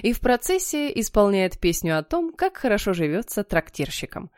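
Lively woman narrating an audiobook. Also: mid-range voice, normal speed, clear, resonant tone, dry recording, clean studio sound. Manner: animated, voices each character. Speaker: audiobook reader.

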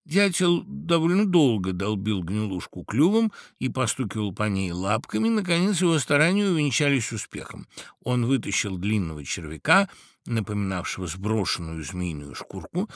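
A man narrating a fairy tale with expressive, animated storytelling. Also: fairly low pitch, moderate pace, dry recording, studio quality.

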